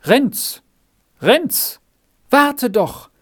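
A reader voicing a kind, anxious young farm girl in an audiobook, speaking high and pleading. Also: big pitch swings, takes it slowly, darkish tone. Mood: eager calling. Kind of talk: audiobook reading.

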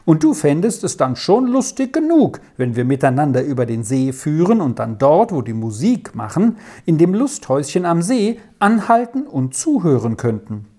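A woman's voice: sits low, big pitch swings, normal speed, few pauses, warm tone. A woman doing an eager storybook boy. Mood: persuasive. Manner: eager, persuasive. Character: cheerful, boastful young boy.

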